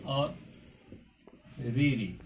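A man teaching a grammar lesson in a coaching class, slowly repeating words and asking the class questions. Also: medium pitch, expressive, vocal fry. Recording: far from mic with faint background noise.

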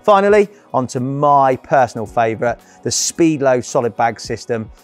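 A young man walks through new gear with a lively, salesy, colloquial delivery. His voice sits at an ordinary pitch for a man. Faint music plays softly behind him in a large indoor hall. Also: moderate pace. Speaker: product presenter. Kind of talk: walk-through product presentation. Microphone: lapel mic.

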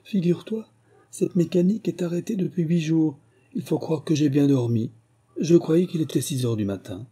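A man reading an audiobook and voicing a clever, confident young Parisian woman who plays detective, in a brisk, teasing manner. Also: mid-range voice, expressive, mellow, husky. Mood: merry. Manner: brisk, teasing, deducing aloud.

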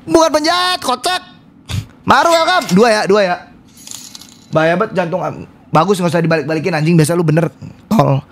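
A man streaming a horror game, talking loudly and rowdily to his chat and swearing often. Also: high voice, expressive, fairly quick. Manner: loud, rowdy, swearing, addresses chat constantly. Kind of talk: live-stream gameplay commentary.

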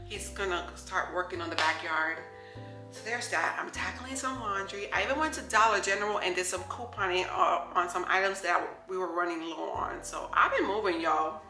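A woman's voice: lowish voice, normal speed, pushed and bright. Chatty woman vlogging in an echoey kitchen. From New York. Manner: chatty, upbeat, talks straight to the viewers. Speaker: lifestyle vlogger. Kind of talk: casual chat to camera. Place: home kitchen, indoors. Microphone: camera close on the counter. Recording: echoey kitchen with faint music.

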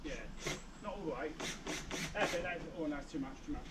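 A middle-aged man with a fairly high voice gives casual, encouraging directions while working outdoors. He is matey and chatty with his helpers. The camera mic is at a distance, and there is heavy noise with clicks around him. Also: quick pace. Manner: matey, encouraging, says mate often. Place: outdoors in a back garden. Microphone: camera several metres away.

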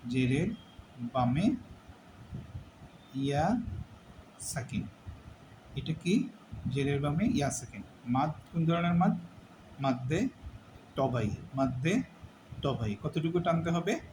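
Slow, drilling male tajweed teacher. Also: on the high side, lively intonation, echoey room, noisy background. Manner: slow, repeats syllables and asks questions to drill pronunciation. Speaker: Quran recitation teacher. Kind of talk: tajweed lesson.

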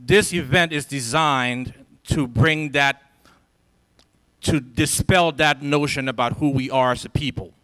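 Speaking into a handheld mic before students in a big lecture hall, this symposium speaker, a man in his forties from Liberia, gives a stirring motivational talk. His medium-pitched, fairly bright voice moves a little slowly, rising and falling like a preacher's with heavy, emphatic repetition.

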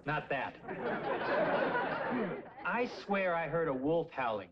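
An actor playing a baffled, gullible middle-aged sitcom dad with an American accent, talking in a puzzled, folksy way. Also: male voice, on the high side, big pitch swings, takes it slowly, dull audio, a loud crowd. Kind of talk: sitcom acting. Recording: noisy 1980s TV with loud studio audience.

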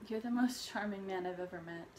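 A woman's voice: medium pitch, a little fast, a little hiss or hum, natural voice. An actress playing a sympathetic woman falling for her date in a comedy sketch. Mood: tender. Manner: gushing, sweetly sympathetic. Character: tender woman smitten on a date.

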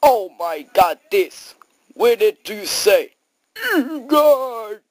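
A woman's voice: medium pitch, animated, drawn-out words, darkish tone, dry recording, poor audio. Lady doing a goofy skit, broken english, lots of oh my god, voice swings all over the place, dry sound. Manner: broken English, frequent exclamations, jumps between voices. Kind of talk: improvised comedy skit.

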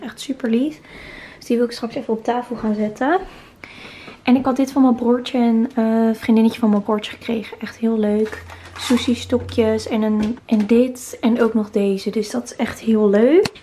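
A woman's voice: fairly high pitch, a little mellow, a little hiss or hum, rough recording. A young woman in her twenties chatting in a casual vlog, filming herself handheld in an empty new apartment. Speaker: vlogger. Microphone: handheld camera close to the face.

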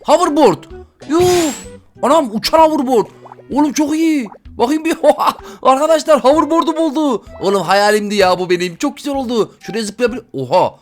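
A man giving excited let's-play commentary as a gaming YouTuber, exclaiming loudly and chatting with his viewers. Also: extremely high pitch, normal speed, soft background music.

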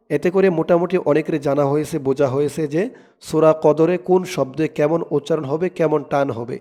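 A man teaching Quran recitation, spelling words letter by letter and chanting them slowly, with quick spoken explanations in between. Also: fairly high pitch, dark tone. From Bangladesh. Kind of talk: slow spelled-out recitation lesson.

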